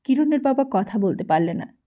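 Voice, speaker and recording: A woman narrating a novel audiobook in a calm, measured storytelling voice. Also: a little high. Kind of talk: novel reading. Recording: dull lo-fi recording.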